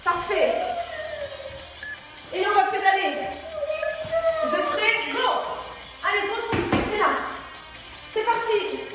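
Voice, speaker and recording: High-pitched woman coach in echoey hall. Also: slow pace, long pauses, over loud music. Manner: energetic, pushing and encouraging, counting reps. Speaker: fitness coach. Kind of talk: leading a workout class.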